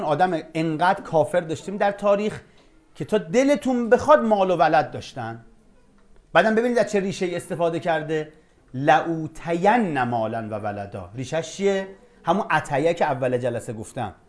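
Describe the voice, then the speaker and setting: A man with a somewhat high-pitched voice leads an informal Quran class. He talks to his students in a loose, chatty way. He slows down when he recites Arabic verses. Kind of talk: informal religious lesson.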